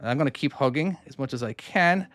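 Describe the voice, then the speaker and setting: A mid-range, slightly bright male voice moves at a brisk clip in a dry, clean studio recording. The speaker, from Cork in Ireland with an Irish accent, gives casual live commentary on his own trucking game, talking through each maneuver and fielding chat questions on the stream.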